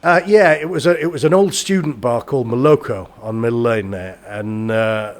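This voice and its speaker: Middle-aged man telling stories, mid-pitched. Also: moderate pace. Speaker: bar and club owner, guest. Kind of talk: casual anecdotal chat.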